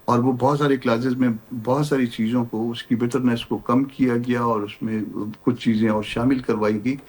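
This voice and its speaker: A man appearing as a party lawmaker on a political talk show, explaining his party's stance in a measured way. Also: mid-range voice, steady tone, darkish tone, poor audio.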